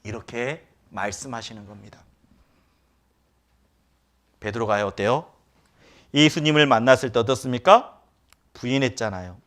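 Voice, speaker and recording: A man's voice: mid-range voice, moderate pace, pauses often. A man preaching a sermon as pastor in a church, often asking the congregation rhetorical questions. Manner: acts out quoted lines with sudden loud outbursts.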